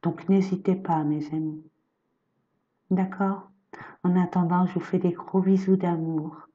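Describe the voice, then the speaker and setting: A woman's voice: fairly low pitch, flat delivery, measured pace, highs cut off. A woman giving a spiritual horoscope reading, speaking in a soothing, reassuring and affectionate way to her viewers, whom she calls her friends. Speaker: energy therapist and medium giving horoscope readings.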